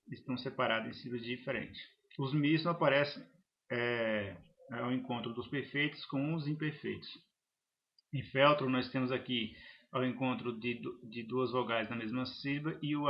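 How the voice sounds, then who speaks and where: A man teaching a grammar lesson, halting and restarting phrases as he explains examples. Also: mid-range voice, fairly bright tone. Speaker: Portuguese teacher.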